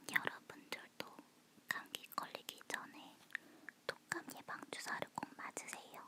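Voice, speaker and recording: Female ASMR host, leaning in to whisper, unhurried personal chat, crisp bright breath tone. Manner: soft close whisper, as if leaning in.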